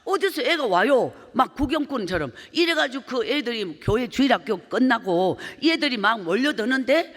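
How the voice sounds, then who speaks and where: A woman evangelist giving an emotional testimony sermon, telling her story vividly and acting out the voices in it. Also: on the high side. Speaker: evangelist preacher. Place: church sanctuary. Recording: long church hall reverb.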